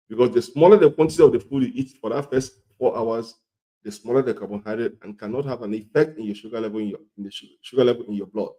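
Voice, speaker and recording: Male health presenter, coarse gravelly voice thick with a cold, very dark tone, repetitive and emphatic instructional delivery. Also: mid-range voice, rough recording. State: congested and hoarse with a cold. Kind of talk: instructional talk to viewers.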